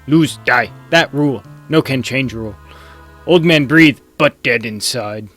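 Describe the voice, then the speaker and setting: A man's voice: medium pitch, unhurried, a bit bright, faint music behind. A man voicing blunt prehistoric cave-dwellers from a video game in a dopey, bellowing voice and broken speech. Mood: grim, forceful. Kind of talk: reading game dialogue aloud in character.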